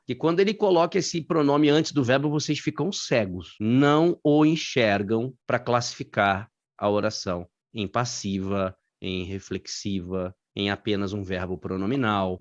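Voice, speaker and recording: Man, Brazilian Portuguese accent, grammar teacher, lively and slangy, dull lo-fi audio. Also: on the low side, moderate pace, few pauses. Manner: lively, slangy, calls on students by name. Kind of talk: live online class.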